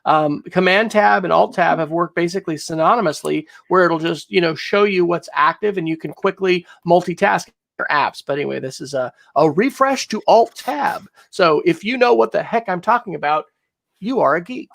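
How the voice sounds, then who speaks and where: A man's voice: high-pitched, normal speed, vocal fry, a bit bright. A man co-hosting an education technology podcast, upbeat and enthusiastic as he recommends websites in casual talk. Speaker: podcast co-host. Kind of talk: casual tech chat.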